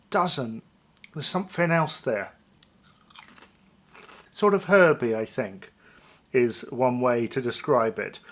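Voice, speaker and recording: A man's voice: medium pitch, a bit bright. A man hosting a casual taste-test review to viewers, thinking aloud in a tentative, musing way. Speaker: food review vlog host.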